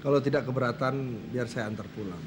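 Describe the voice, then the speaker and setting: A man's voice: mid-range voice, fast, music in the background, close to an everyday voice. An actor playing a middle-aged father who politely introduces people and offers a ride. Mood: courteous. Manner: courteous, persuasive. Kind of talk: TV drama acting.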